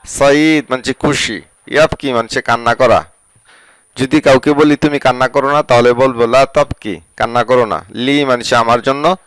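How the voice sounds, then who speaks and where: A man teaching a word-by-word language lesson, slowly repeating each word and its meaning. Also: medium pitch, a bit bright, no room sound, low-quality recording. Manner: slow, repetitive drilling of words and their meanings.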